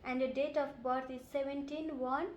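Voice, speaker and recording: A woman's voice: high voice, level tone, normal speed, dull audio, a little hiss or hum. A woman from Nepal, playing a nurse and asking polite, methodical questions in a scripted health assessment role-play. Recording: roomy echo.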